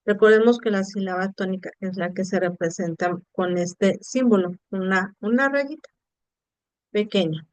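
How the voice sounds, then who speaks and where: A woman's voice: medium pitch, moderate pace, darkish tone, dry recording. A woman teaching an online class, explaining step by step and checking in with students. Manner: explanatory, addresses students directly with rhetorical checks. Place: online video session.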